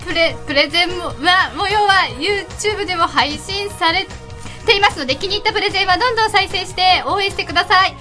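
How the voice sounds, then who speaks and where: Very high, bright hesitant woman. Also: fast talker, soft background music. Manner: hesitant, playful. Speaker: co-presenter. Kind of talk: casual banter.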